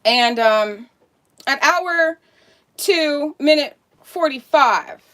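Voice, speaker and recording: A woman's voice: high voice, expressive, very slow, fairly bright tone. A woman streamer talking casually, ranting in a heated, sarcastic and profane way.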